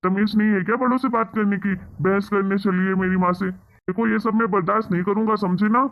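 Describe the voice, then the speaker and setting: A man's voice: sits high, steady tone, a little fast, slight background noise. Cartoon husband, young and hot-headed, bossing his wife, tinny phone-like recording. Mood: angry. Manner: scolding, bossy toward wife. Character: short-tempered young husband and son. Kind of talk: animated cartoon voice acting.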